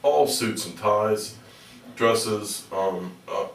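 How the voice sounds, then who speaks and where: A middle-aged American man telling stories as a radio interview guest, rambling and halting with dry humor. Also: lowish voice. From Pittsburgh, United States. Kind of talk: conversational radio interview storytelling. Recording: echoey room, distant from mic.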